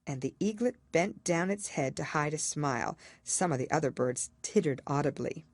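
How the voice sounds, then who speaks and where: A woman's voice: sits low, lively intonation, moderate pace, no room sound. A woman narrating a children's storybook from a script, as an audiobook reader.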